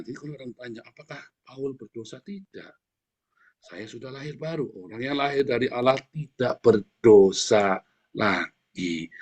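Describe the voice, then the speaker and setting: Middle-aged male preacher, blunt and combative sermon delivery, fairly high-pitched. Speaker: pastor.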